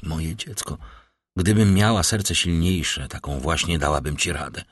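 Tender, resolute noble mother from a classic novel, read by a man with a very deep, low voice. Soft and earnest. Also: unhurried, dry recording, clean studio sound. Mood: tender resolve.

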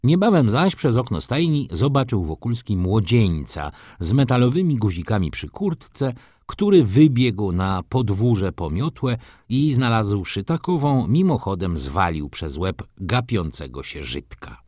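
A man with a lowish voice narrates a classic novel aloud, his delivery lively and full of swings in pitch. The recording is dry and close to the mic. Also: unhurried, hardly any pauses, no room sound. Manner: expressive, theatrical reading. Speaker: audiobook narrator.

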